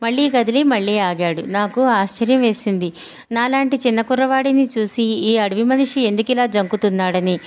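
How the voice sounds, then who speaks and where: A woman narrating a children's adventure story in a steady, plain storytelling way. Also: fairly high pitch, normal speed. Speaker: audiobook narrator.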